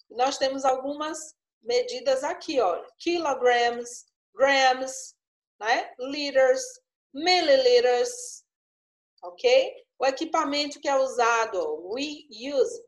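A woman with a high-pitched voice teaches English online, explaining patiently and coaxingly while dropping in frequent little tag questions to check understanding. The audio is reverberant.

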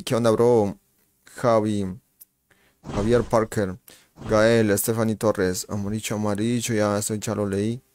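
A man's voice: on the low side, dry recording, clean studio sound. A man live-streaming a shooter game, chatting casually with viewers, greeting them by name and reacting to the match with slangy exclamations. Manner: relaxed, slangy banter with frequent exclamations.

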